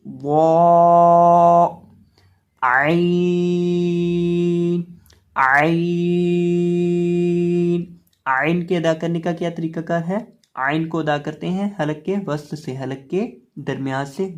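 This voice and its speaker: A man teaching the pronunciation of letters in a step-by-step lesson, calling out each letter loudly and drawn out, then explaining calmly. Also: a little high, muffled recording. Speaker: Quran reading teacher.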